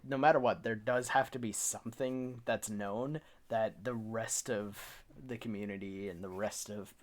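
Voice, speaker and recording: A man's voice: on the low side, fairly even intonation, measured pace. A man co-hosting a casual gaming chat, hesitant, often repeating words, with dry jokes. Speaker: podcast co-host.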